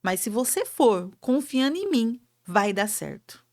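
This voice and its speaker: Woman quoting God, slow, soft, calm, reassuring. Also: a little high, no room sound, clean studio sound. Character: God speaking gently in the heart.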